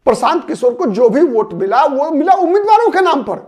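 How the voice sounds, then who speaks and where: A man's voice: very high voice, very animated, a little fast, darkish tone. A man delivers political commentary alone as host of his own show. He builds the case step by step and returns again and again to the same names and key terms. Every so often he stops to ask a rhetorical question, then answers it himself. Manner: analytical, poses rhetorical questions and answers them; repeats names and key words for emphasis. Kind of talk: solo political commentary to camera.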